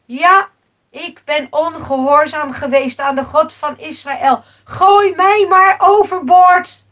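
A woman voicing a remorseful male prophet who declares himself loudly and earnestly in a children's story. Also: high-pitched, steady tone, takes it slowly, exaggerated voice. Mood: resigned.

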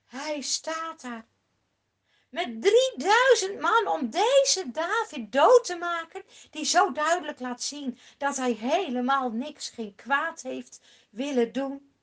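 A woman telling a Bible story to children in a slow, dramatic way, sometimes dropping to a whisper for suspense. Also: high-pitched, expressive.

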